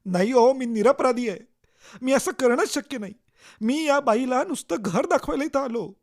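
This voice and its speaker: A man voicing a panicked, wrongly accused man who shouts his innocence in an audio story. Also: extremely high pitch, expressive, moderate pace, voice pushed up. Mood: frantic shouting. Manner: shouting desperately.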